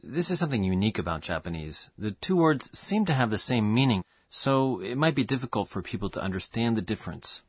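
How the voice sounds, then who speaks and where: Low, husky man asking lesson questions. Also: big pitch swings, brisk, hardly any pauses, dry recording, clean studio sound. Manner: asks and confirms questions. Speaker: learner co-host. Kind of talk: scripted lesson dialogue.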